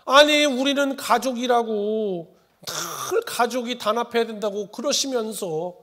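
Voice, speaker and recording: A pastor voicing a family dog that whines about being shooed away from the table, in a high, sing-song, aggrieved way. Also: male voice, unhurried, a bit bright.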